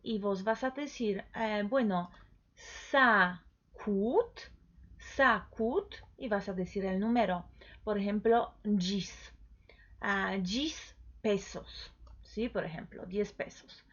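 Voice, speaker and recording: A woman teaching an online language lesson, speaking slowly and deliberately and repeating model phrases. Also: mid-range voice, muffled recording.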